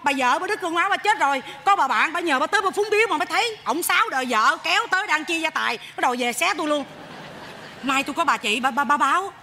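An actress playing a greedy, brash widowed mother, loud and joking on a theater stage. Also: high-pitched, lively intonation, fast, exaggerated voice. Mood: fretful. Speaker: mother in a stage comedy sketch. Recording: live stage audio with noise.

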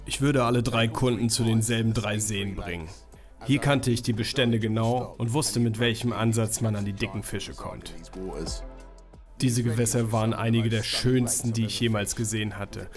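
A man's voice: on the low side, fairly even intonation, moderate pace, over music. A man in his thirties narrating a carp fishing travel vlog, speaking with enthusiasm and exclaiming over big fish. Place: outdoors by a lake.

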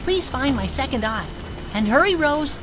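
A woman voicing a creepy rag doll in a video game, too calm and eerily sweet. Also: high-pitched, normal speed, noisy background. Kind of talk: scripted video game character acting. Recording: game audio with music and rain behind. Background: music, rain.

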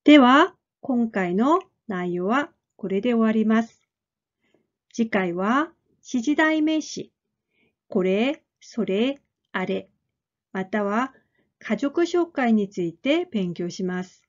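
A woman teaching a language lesson, speaking clearly and deliberately and repeating model phrases. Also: a little high, expressive, lo-fi sound. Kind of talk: slow, careful lesson explanation.

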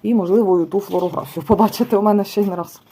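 A woman's voice: medium pitch, fairly even intonation, very fast, mellow, a little hiss or hum. A young adult woman casually reviewing a book, listing bird names one by one with chatty asides. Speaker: tarot and oracle vlogger. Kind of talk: casual book review, leafing through pages.

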